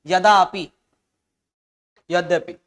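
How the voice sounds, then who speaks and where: A man's voice: sits high, steady tone, extremely slow, a bit bright. A man teaching an exam-prep lesson, chatty and often calling listeners "saahab" and "bhai".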